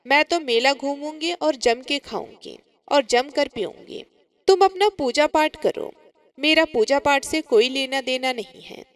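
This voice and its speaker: A woman's voice: high-pitched, measured pace. A woman voicing a scornful, irritable young daughter-in-law in a told story. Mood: irritated. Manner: irritated, scolding.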